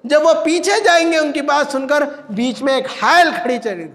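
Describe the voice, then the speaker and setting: A man delivers a Friday sermon in a strikingly high voice that carries a long reverb through a mosque hall. He swings dramatically, surging toward near-shouts and falling low and quiet on exclamations. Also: expressive. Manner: dramatic, rising to near-shouts when voicing pleas, dropping low on exclamations. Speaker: Friday preacher.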